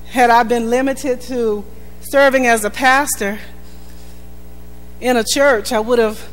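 Earnest woman preaching in a reverberant church. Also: fairly high pitch. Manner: earnest, emphatic preaching with measured repetition. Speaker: pastor. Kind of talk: sermon. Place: church sanctuary. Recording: reverberant church hall with faint music.

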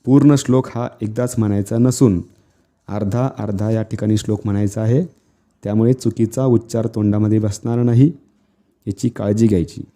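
A man teaching children Sanskrit pronunciation, chanting verse lines slowly and repeating them, with quicker plain explanations in between. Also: lowish voice, fairly even intonation, warm tone. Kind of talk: recitation lesson for children.

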